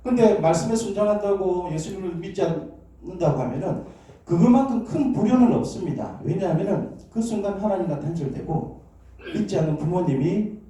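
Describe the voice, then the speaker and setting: Here a pastor talks fairly quickly in a high, warm voice with lively intonation. He preaches in a church sanctuary, questioning the congregation and calling for amens in call-and-response fashion, recorded from afar in an echoey hall.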